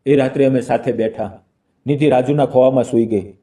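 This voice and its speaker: Dark, mellow male storyteller. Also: medium pitch, steady tone, brisk, recorded from a distance. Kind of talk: scripted emotional narration.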